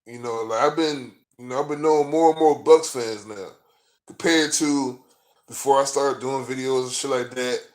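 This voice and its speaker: A man's voice: mid-range voice, moderate pace. Profane, frustrated man ranting to camera. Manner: profane, frustrated, rambling with many fillers. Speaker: vlogger, sports fan. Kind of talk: casual rant to camera.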